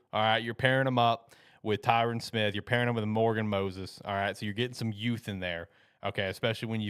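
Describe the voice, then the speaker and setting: A man with a lowish, smooth, clear voice talks excitedly about football draft classes, emphatic and chatty, throwing in "man" as he goes. The sound is close and dry. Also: no echo. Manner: enthusiastic, emphatic, says "man" often. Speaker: co-host. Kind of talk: casual sports podcast chat.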